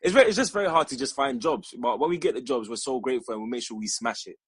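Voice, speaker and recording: Husky-voiced young man chatting casually. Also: mid-range voice, racing. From Ghana. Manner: rambling, restarts often, laughs easily. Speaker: filmmaker guest. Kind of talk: casual interview chat.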